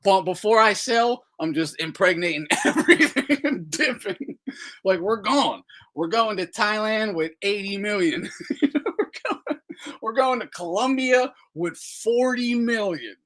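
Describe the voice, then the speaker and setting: Host, male, bright raised voice, profane laughing rant. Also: high voice, expressive, unhurried. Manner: laughs often, swears freely. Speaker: boxing talk show host.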